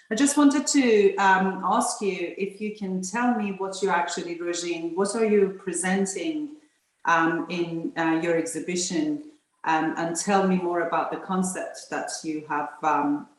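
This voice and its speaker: A woman's voice: on the low side, steady tone, measured pace. A woman moderating an online interview. She speaks politely and hesitantly, with many fillers. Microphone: video call. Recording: very echoey room.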